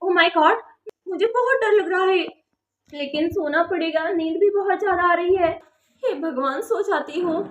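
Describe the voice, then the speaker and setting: A woman's voice: extremely high pitch, measured pace, fairly bright tone, lo-fi sound, a little hiss or hum. Woman voicing scared young Sita. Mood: fretful. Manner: frightened, shrieking, pleading.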